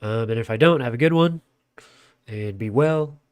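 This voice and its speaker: Over background music, a man with a smooth, mid-range voice made nasal by blocked sinuses chats casually through a strategy game at a moderate pace. His streaming play-by-play is loose, with some swearing mixed in.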